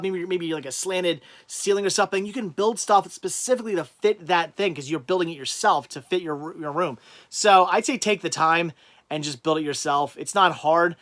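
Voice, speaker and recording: Male livestream host reading chat and answering in a casual, rambling way with many restarts; voice sits a little high. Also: fairly bright tone. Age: adult with a child.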